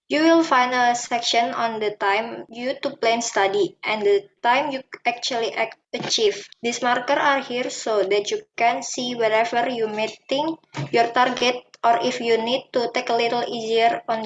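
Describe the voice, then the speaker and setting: Young woman reading, with a slightly high voice. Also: measured pace, few pauses, a little hiss or hum, poor audio. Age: young adult. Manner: steady reading with small slips. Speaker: student presenter. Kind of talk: reading a class presentation.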